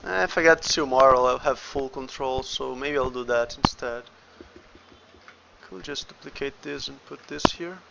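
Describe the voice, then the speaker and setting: On a lo-fi, very noisy recording, a Brazilian game developer with a Brazilian Portuguese accent talks through his work on a casual livestream, muttering every step to himself. He speaks at medium pitch, unhurried, with vocal fry.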